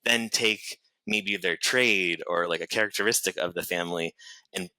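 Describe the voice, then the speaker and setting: A man with an American accent and a deep voice that still sounds strikingly bright and forceful. He rambles along as a podcast guest, leaning on filler words and breaking into small laughs. The sound is very dry and close. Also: normal speed, dry recording, rough recording. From United States. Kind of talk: casual conversation.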